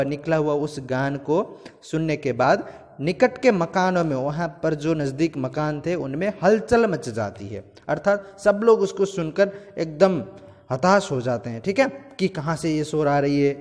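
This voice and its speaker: A man teaching a class, walking through a story step by step, glossing hard words and often pausing to check in. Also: fairly high pitch, darkish tone. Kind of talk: explaining a textbook story to students. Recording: long hall reverb.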